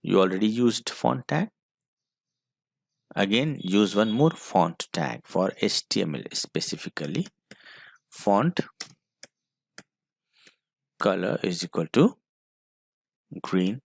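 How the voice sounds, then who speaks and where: Indian guy teaching html real slow, kinda gravelly, dead dry recording. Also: fairly low pitch, sing-song, no echo. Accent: Indian English. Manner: slow, step-by-step dictation of code. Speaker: computer teacher. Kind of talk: screen-recorded coding lesson.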